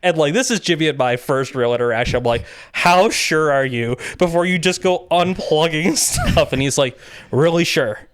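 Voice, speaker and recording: Telling event stories in a relaxed podcast conversation, this guest acts out the dialogue and laughs as he goes. He has a fairly high, clear, resonant voice at normal speed, captured in clean studio sound with no echo.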